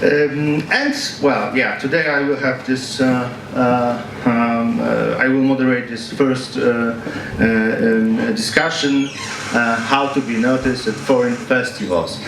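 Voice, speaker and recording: A man moderates a panel discussion in halting English, full of ums and uhs. He sounds distant from the microphone in a large echoing hall, with steady background noise. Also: medium pitch, creaky. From Poland. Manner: many fillers, halting. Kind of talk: hesitant spoken English at a panel. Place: event hall with audience. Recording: echoey hall, distant mic, noisy.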